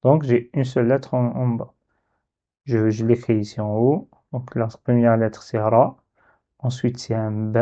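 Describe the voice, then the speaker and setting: Male teacher, French accent, unhurried step-by-step lesson delivery, dark muffled tone. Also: medium pitch, steady tone. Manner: slow, patient, drawn-out sounding of syllables.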